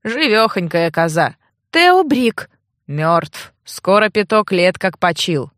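Brief: woman voicing a grumpy half-mad old archivist, curt muttering, lower than her narration, dry close sound. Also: lively intonation, takes it slowly, fairly bright tone, no room sound. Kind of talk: audiobook character voice.

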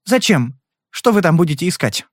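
A fierce, protective wife who refuses to back down, voiced by a man reading a detective novel. Her voice sits fairly high and swings widely in pitch as she pushes back. The sound is close and dry. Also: sing-song, moderate pace, dry recording. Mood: defiant. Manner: insistent, protective. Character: defensive, fierce middle-aged wife.

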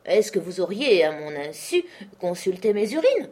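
A woman reading the part of a proud young country doctor who speaks with ironic, spirited defiance, in a slightly husky voice. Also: on the low side, sing-song, moderate pace, a little mellow.

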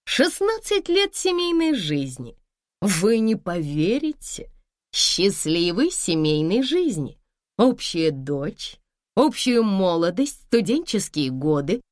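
A woman's voice: medium pitch, very animated, slow pace, dry recording, clean studio sound. Woman putting on a scornful, mocking wife. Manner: sarcastic, scornful, pressing. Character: confident mocking wife, middle-aged woman.

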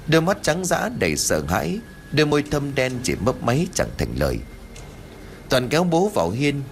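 A man narrating a horror audiobook in an expressive storytelling way. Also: mid-range voice, a little hiss or hum. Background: faint background music.

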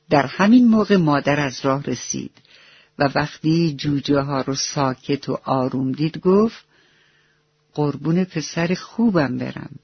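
A man's voice: on the high side, slightly rough, dry recording. A man narrating a children's bedtime story, addressing the young listeners affectionately. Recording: dull lo-fi dry recording with soft music.

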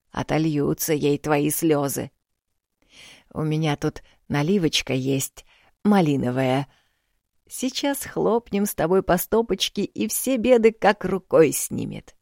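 A woman reader voicing an elderly village landlady, blunt and earthy, scolding loudly in folksy speech. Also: deep voice, slow pace, creaky, no echo, studio quality, full character voice. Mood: indignant.

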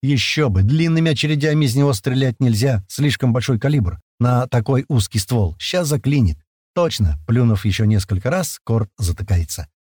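Male narrator, lively action storytelling. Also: medium pitch, normal speed, no room sound, studio quality. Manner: shouts the characters' lines, tense and rough. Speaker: audiobook narrator. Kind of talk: first-person action audiobook narration.

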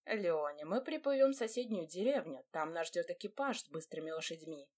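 A woman's voice: lowish voice, animated, a little fast, a little mellow. A woman reading an audiobook, voicing an arrogant young nobleman who speaks curtly and scornfully. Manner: curt and scornful.

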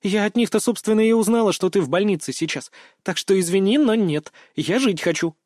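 A man's voice: sits high, a little mellow, no echo, studio quality, voice pushed up, natural voice. A man doing a teasing teenage schoolgirl. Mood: playful. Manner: teasing, rapid-fire questions. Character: chatty cheeky teenage schoolgirl.

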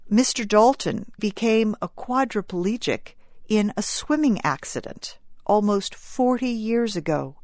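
A woman narrating a scripted news program, reading clearly and deliberately. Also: mid-range voice, no echo, clean studio sound.

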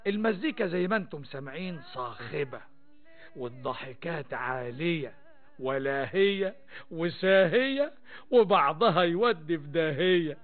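An actor playing a wry, playful storyteller in the Arabic café manner, with an Egyptian accent, theatrically addressing listeners in rhymed colloquial prose. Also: male voice, a little high, expressive, moderate pace, lightly acted. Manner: theatrical, addresses listeners, poses and answers questions. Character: wry, playful male storyteller mocking high society. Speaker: narrator. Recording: thin phone-like old radio sound, music behind.

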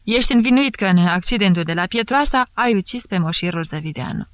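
A woman's voice: medium pitch, animated, no room sound, close to an everyday voice. A woman voicing a jovial male investigating judge who teases and mocks, with a thick voice. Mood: teasing. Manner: bantering, mocking.

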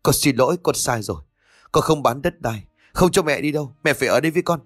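A man's voice: medium pitch, expressive, fast, no room sound, studio quality, faint music behind, voice pushed up. A man voicing a young husband devoted to his mother, at times meek, at times defiant. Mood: sobbing. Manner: pleading, then loud and firm.

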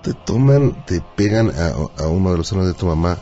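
A man hosts an interview and gently probes with his questions. His voice is deep and mellow. The audio is dull and lo-fi. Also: animated, normal speed, faint music behind. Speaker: interview host.

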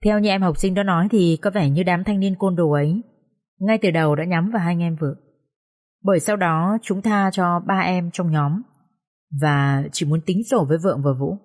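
A woman reading the part of a calm, careful schoolteacher in an audio story, giving a measured account of events. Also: on the low side, natural voice. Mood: recounting.

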